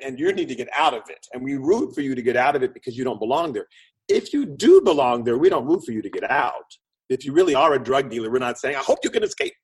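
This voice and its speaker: Heard through a rough recording, a man with a medium-pitched, darkish, breathy voice talks as an interview guest. A film producer and script consultant, he tells his ideas like stories and acts out quotes.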